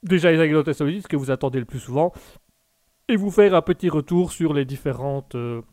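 A man's voice: a little high, a little fast, darkish tone, dry recording, studio quality. A man hosting a live online talk show, rambling and often repeating words. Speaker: host.

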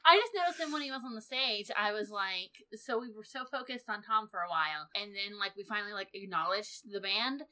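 A woman's voice: mid-range voice, fairly quick, few pauses, bright, forceful tone. A woman guest on a casual podcast chat, talking hesitantly with many fillers and quoting her own thoughts.

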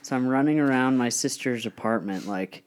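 A man's voice: mid-range voice, normal speed, clean tone. Young guy on a podcast laughing at himself, easygoing chat. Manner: self-deprecating, laughs while telling stories. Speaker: podcast co-host. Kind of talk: casual storytelling chat.

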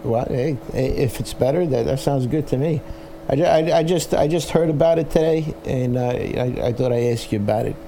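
A man with a Brooklyn accent hosting a casual interview, enthusiastic but halting, often repeating his words. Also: mid-range voice, vocal fry, mellow, a little hiss or hum. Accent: Brooklyn, New York. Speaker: interviewer, host.

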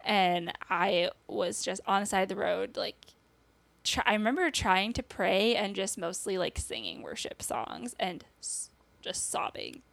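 A woman's voice: mid-range voice, lively intonation, unhurried, vocal fry, fairly bright tone. A young woman guest on a podcast, telling a personal story in casual conversation, laughing nervously and acting out what people said. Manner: acts out quoted dialogue.

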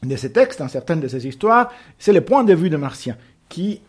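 A man's voice: fairly high pitch, big pitch swings, moderate pace, a little mellow, slightly rough. A man presenting books in a casual, hesitant way, often searching for his words. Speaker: book presenter. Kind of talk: casual book recommendation.

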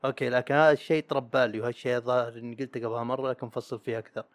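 A man hosts a solo podcast episode, half reading and half riffing. He talks quickly and casually, stumbling over words and chuckling at his own slips. The room sound is dry and close. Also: medium pitch, fairly even intonation, dry recording. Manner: casual and chatty, trips over words and laughs at himself. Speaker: podcast host. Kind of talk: solo podcast monologue, partly read from a script.

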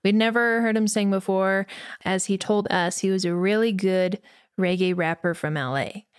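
A woman from New Mexico, a musician being interviewed, telling a story in a lively way and acting out the quotes. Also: medium pitch, moderate pace, clear, resonant tone, no echo, studio quality. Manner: lively, acts out quotes with voices. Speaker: musician guest.

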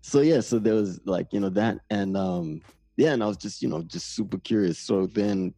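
A man's voice: fairly low pitch, normal speed, warm tone, no room sound, soft background music. A man in his thirties from Namibia with a Namibian accent, telling stories in a laid-back, rambling way during a casual conversation. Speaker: guest.

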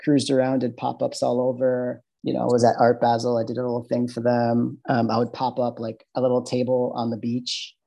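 A man with a Midwestern American accent appears as a podcast guest in a casual interview chat, rambling loosely with lots of fillers and restarts. His mid-range, dark, creaky voice is completely flat and brisk with few pauses, and the audio quality is poor.

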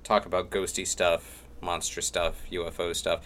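A middle-aged man hosts a casual podcast in a fairly low voice. He rambles through his thoughts, often doubling back, and talks about himself in a self-deprecating way. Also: little pitch movement, moderate pace, fairly bright tone. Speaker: podcast host. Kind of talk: casual chat.

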